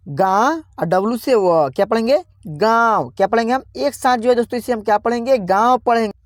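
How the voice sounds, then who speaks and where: A man teaching beginners online, spelling out words slowly and repeatedly asking viewers how to read them, calling them friends. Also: very high voice, no room sound, clean studio sound. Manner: slow, repetitive spelling-out, constantly quizzing viewers. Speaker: English teacher. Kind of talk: online beginner lesson, reading words aloud.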